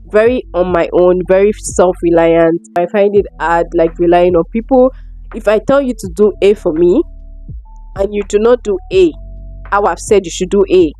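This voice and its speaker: This young woman's voice is low and warm. A vlogger from Lagos, Nigeria, with a Nigerian accent, she answers viewer questions to camera in an informal, chatty way, often repeating points for emphasis.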